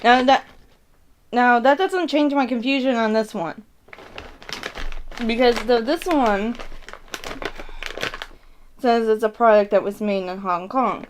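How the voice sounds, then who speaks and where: A woman's voice: fairly high pitch, takes it slowly, pauses often, slight background noise. A woman hosting a casual snack-tasting vlog, rambling as she thinks aloud and corrects herself mid-thought. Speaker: mukbang host reviewing snacks. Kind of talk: casual vlog chat to viewers.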